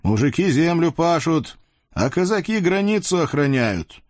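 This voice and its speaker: A man's voice: a little high, very animated, measured pace, a little mellow, voice pushed up. A man doing a curt, stern Cossack. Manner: curt, firm. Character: stern, steady male Cossack warrior.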